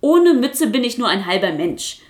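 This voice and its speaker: A woman's voice: a little high, pitched above the performer's own voice. Woman doing a chatty, boastful Kasper puppet. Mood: insistent. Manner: quick, excited, insistent chatter. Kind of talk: storybook reading.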